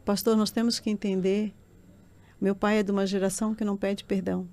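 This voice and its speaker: A podcast guest, a middle-aged woman, recounts a heartfelt personal testimony, growing from earnest storytelling into tearful intensity. She has a mid-range, slightly mellow voice with little pitch movement and a fairly quick pace.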